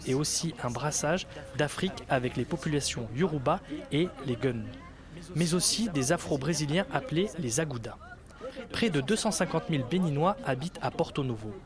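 A man's voice: a little high, expressive, a little fast, a crowd in the background. A man hosting a French radio talk show, friendly, guiding his guests and reading scripted travel narration.

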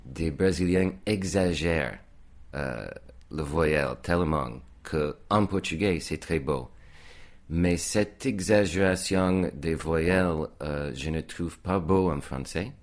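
An American man, a native English speaker, chatting in French as a learner, halting and searching for words. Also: a bass voice. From United States. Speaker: guest. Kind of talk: casual conversation in French as a learner.

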